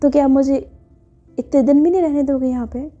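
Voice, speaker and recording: A woman's voice: sits high, fairly even intonation, a little fast, dark tone, voice pushed up, lightly acted. A woman voicing a caring young woman who scolds her partner firmly but fondly. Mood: scolding fondly. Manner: firm, scolding yet fond. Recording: dull lo-fi with faint music.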